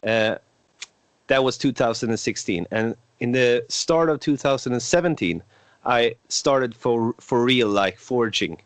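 Hosting a relaxed podcast conversation, this Swedish man in his twenties, a native Swedish speaker, comes across hesitant with plenty of filler sounds. He speaks at a measured pace in a smooth, mid-range voice with no room sound.

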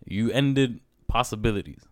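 A man's voice: mid-range voice, moderate pace, darkish tone, dry recording, studio quality. A man talking casually and emphatically at length, peppering his speech with bro. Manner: emphatic, talkative, says "bro" often. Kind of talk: casual conversational talk.

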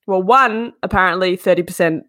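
Australian woman podcast host, lowish dry voice. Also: a little fast, sharp tone, no room sound. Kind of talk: casual chatty interviewing.

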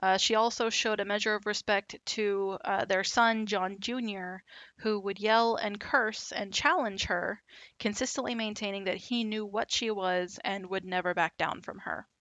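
A woman hosting a podcast, telling a story in a relaxed, casual way with lots of fillers. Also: mid-range voice, normal speed, no echo. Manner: relaxed, with many fillers and asides.

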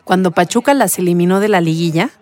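A woman narrating a sports documentary in a measured, scripted delivery. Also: on the low side, darkish tone.

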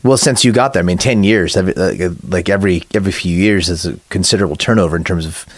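A man with a low voice hosts a relaxed conversation, reflecting aloud in loose, meandering sentences. The recording is dry and close, with no room echo. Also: fast talker, husky. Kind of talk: casual conversational interview.

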